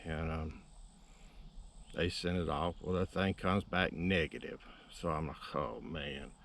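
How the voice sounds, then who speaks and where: A man's voice: low voice, steady tone, a little slow, fairly bright tone. An older man with a Southern US accent, short of breath, telling a story casually in a folksy, rambling way. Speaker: video blogger living with cancer.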